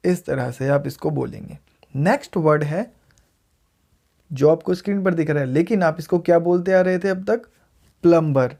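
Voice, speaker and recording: A man with an Indian English accent, a teacher, gives a casual video lesson in pronunciation and says each word slowly and clearly more than once. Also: on the high side, warm tone. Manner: repeats words slowly and clearly for learners.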